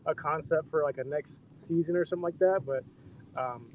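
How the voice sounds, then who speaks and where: A man's voice: a little high, fairly quick, a little hiss or hum. A man speaking over a car Bluetooth headset while driving in the rain, chatting in a laid-back, loose way and swearing casually. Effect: muffled car Bluetooth headset mic. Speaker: project founder on a live audio chat. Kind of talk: casual chat.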